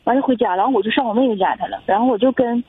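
A caller pours out her story in a fast, agitated, repetitive ramble. Her voice is a little husky and comes through a thin, tinny phone line. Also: a little high, dry recording. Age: 40s. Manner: rambling, agitated, repeats herself. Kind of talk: call-in radio confession. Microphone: telephone.

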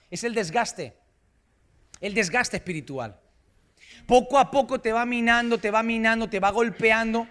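High, bright-voiced Spanish preacher. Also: male voice. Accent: Spanish from Spain. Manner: emphatic, rising to shouts on key phrases. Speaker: pastor. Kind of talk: sermon.

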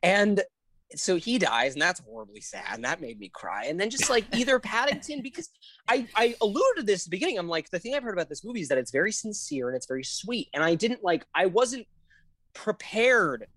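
A woman's voice: mid-range voice, very animated, fairly quick, a bit bright, dry recording. A woman co-hosting a casual film podcast, gushing and swearing freely as she talks. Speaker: podcast co-host. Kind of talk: casual film review chat.

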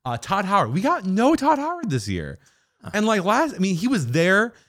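Co-hosting a laid-back gaming chat podcast, a man jumps from thought to thought, his pitch swinging widely. He's animated, swears freely, and tosses off quick asides while acting out quotes along the way.

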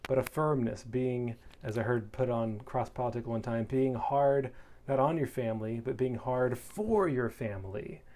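A married man, hosting his own talk, who reads passages from a text in a steady tone and breaks off into conversational asides that turn loud and animated, with fillers and short laughs. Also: mid-range voice, moderate pace. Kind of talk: reading a text aloud and commenting.

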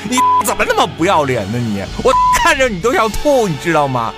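A man voicing a furious middle-aged father who shouts curses and stammers in rage. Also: high voice, wildly swooping pitch, fast talker, over music, voice pushed up.

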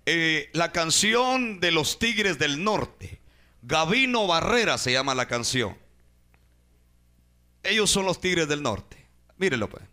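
A man's voice: a little high, sing-song, takes it slowly, pauses often, sharp tone. A man from Guatemala, preaching a sermon in an emphatic, exhorting way, often calling out to the brethren. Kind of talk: sermon commenting on videos.

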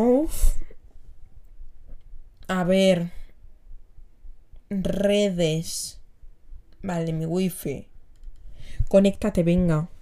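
A woman's voice: fairly low pitch, dark tone. Giggly young Spanish woman hosting. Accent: Spain Spanish. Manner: chatty, giggly, thinks aloud while reacting to clips. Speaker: podcast host. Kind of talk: casual solo podcast chat.

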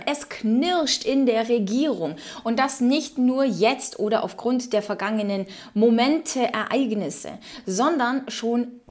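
A woman's voice: a little high, a little mellow. A woman from Ukraine hosting casual political commentary, reading out news quotes and reacting with her own opinions.

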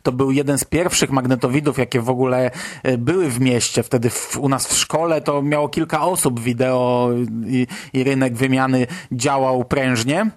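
A man's voice: mid-range voice, steady tone, moderate pace. A man in his late thirties from Poland, talking casually and conversationally as a solo podcast host. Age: late 30s. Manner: conversational, reminiscing.

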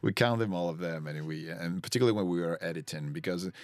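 A man with a very low-pitched voice talks as a film director in casual commentary. His delivery is halting, with words and phrases often repeated as he goes.

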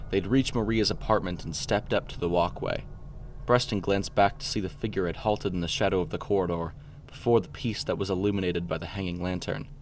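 Male narrator for a storybook reading: deep voice, steady and even delivery, faint noise behind him. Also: fairly quick.

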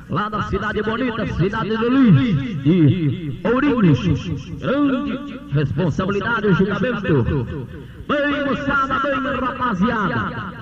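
Brazilian male arena MC, very high-pitched, emphatic showman delivery, muffled lo-fi sound over a loud crowd. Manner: drawn-out, emphatic showman delivery with repeated phrases. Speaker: rodeo announcer and master of ceremonies. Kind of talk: live arena announcing at a rodeo opening ceremony. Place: outdoor rodeo arena over a loudspeaker system. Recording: dull lo-fi PA recording, loud crowd and music. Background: loud crowd and music.

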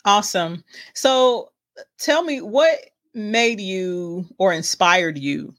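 A woman's voice: mid-range voice, lively intonation, takes it slowly, no echo, studio quality. A woman hosting a podcast interview, asking upbeat, brief questions with a few fillers. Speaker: podcast host.

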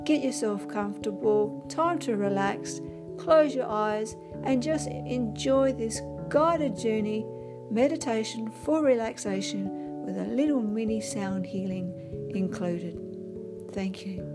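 A woman's voice: on the high side, a little slow. A woman speaking as a podcast host, introducing her show to listeners. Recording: roomy, echoing sound with faint music.

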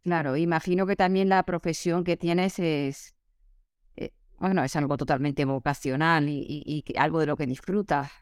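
A woman hosting an interview, asking gentle, attentive questions. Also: low voice, fairly even intonation, normal speed, clean tone, no room sound, clean studio sound. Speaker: host.

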